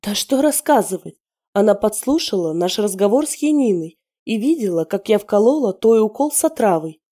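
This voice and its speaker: A woman's voice: animated, moderate pace, warm tone, lightly acted. A woman playing a sneering spiteful werewolf matriarch. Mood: confessing. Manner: sneering, taunting, shrill when pressed. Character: scheming middle-aged female werewolf, spiteful and mocking.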